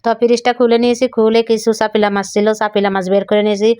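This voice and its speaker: A young woman from Bangladesh chatting homely through a cooking voice-over, her voice a little hoarse. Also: medium pitch, little pitch movement, rapid-fire, warm tone, dry recording. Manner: chatty, homely, describing each step. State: voice keeps going hoarse. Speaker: cooking vlogger. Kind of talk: recorded voice-over for a cooking vlog.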